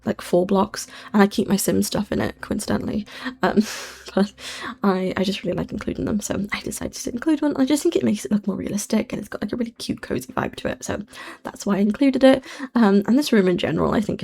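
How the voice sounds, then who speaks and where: A woman's voice: mid-range voice, vocal fry, darkish tone. A young adult British woman giving casual, chatty, rambling voice-over commentary as a channel host, often correcting herself, with a whistle on her S sounds. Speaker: host of a gaming build channel.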